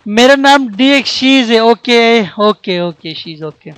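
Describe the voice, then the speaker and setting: A man streaming a game with friends, chatting casually and calling out to his teammates with excitement. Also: very high voice, slow, clear, resonant tone, no room sound. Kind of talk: casual gameplay chat.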